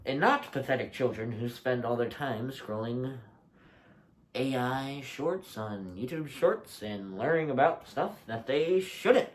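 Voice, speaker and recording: A young adult video creator with a mid-range voice rants casually at a measured pace, exasperated and firing off rhetorical questions. The sound is slightly muffled, as though coming from inside a rubber mask.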